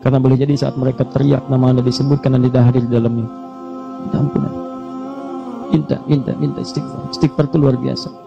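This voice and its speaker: A man preaching a sermon, swinging between high urgent appeals and hushed low prayers. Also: little pitch movement, quick pace, vocal fry, highs cut off, over music.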